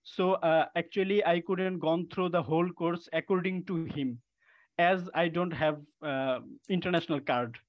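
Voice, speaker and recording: A male bootcamp student reports in over a conference call, his voice sitting a little high. The call line sounds muffled and lo-fi. He talks haltingly and politely, leaning on filler sounds between thoughts. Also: fairly even intonation. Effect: conference call audio. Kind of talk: giving a course review on a conference call.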